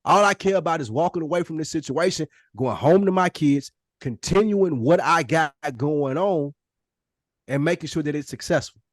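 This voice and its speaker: A man's voice: on the high side, expressive, moderate pace, dry recording, clean studio sound. A man co-hosting a podcast, talking in a blunt, emphatic, casual way with some profanity. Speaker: podcast co-host.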